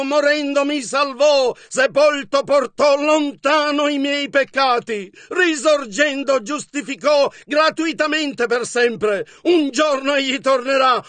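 A man interpreting a sermon in an emphatic manner, often shouting. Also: very high voice, no echo.

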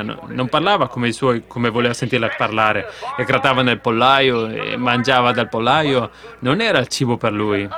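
A male preacher delivering a fervent sermon at a middle pitch, his voice swelling into emphatic peaks. The congregation's murmur is clearly heard behind him.

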